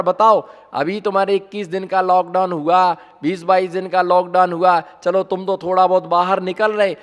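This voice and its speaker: A man, a Jain monk, giving a conversational sermon full of rhetorical questions to his listeners. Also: high-pitched. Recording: long hall reverb.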